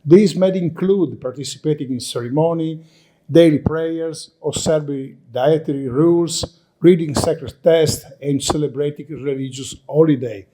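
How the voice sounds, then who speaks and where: A conference lecture comes from a man from Italy who speaks English haltingly as a non-native, often backing up to restart and repeat words. His accent and native language are Italian. The voice leans high and has a warm tone.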